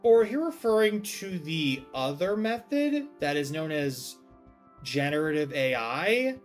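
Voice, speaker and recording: A man's voice: fairly high pitch, very animated, unhurried. A man giving live game commentary as a streamer, exclamatory and prone to swearing. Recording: faint game music behind.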